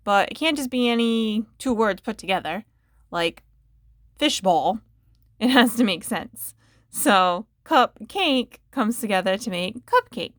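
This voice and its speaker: A woman teacher giving a phonics lesson to young children, sounding out the parts of words slowly and clearly and asking the listener questions. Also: fairly high pitch, animated, fairly bright tone, dry recording, studio quality. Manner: patient, asks the listener questions.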